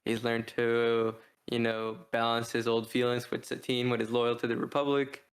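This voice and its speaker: A man co-hosts a podcast reviewing books, speaking at a moderate pace in a monotone, medium-pitched voice. He's casual and discursive, often thinking aloud through rhetorical questions.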